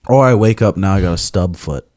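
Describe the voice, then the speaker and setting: A young man hosts a casual podcast in a lowish voice, laid-back and crude, swearing as he talks. The sound is dry and close. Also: animated, brisk, a little mellow, no echo. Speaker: podcast host.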